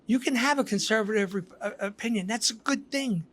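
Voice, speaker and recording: A man's voice: high voice, a little fast, fairly bright tone, slight background noise. An older man, a guest author, telling reflective stories in a casual podcast conversation, with frequent restarts.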